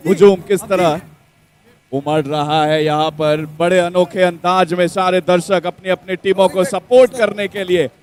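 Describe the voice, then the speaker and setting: High-pitched man, dramatic cricket commentator. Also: darkish tone. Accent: Indian. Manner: dramatic, poetic flourishes. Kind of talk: live Hindi cricket commentary.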